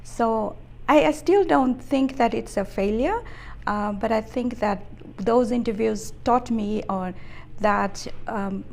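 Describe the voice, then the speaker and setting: Woman, 50s, from Fiji; gravelly, measured, hesitant interview answers. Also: on the high side, a little mellow. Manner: measured, thoughtful, many hesitations. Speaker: interview guest, business executive.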